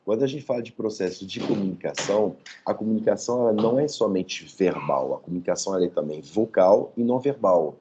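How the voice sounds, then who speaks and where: A man's voice: fairly low pitch, lively intonation, fast talker, few pauses, muffled recording, background noise. A man, a professor giving an online lecture from home, explaining step by step and checking in with his listeners. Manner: didactic, checks in with "tá?". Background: dog nearby.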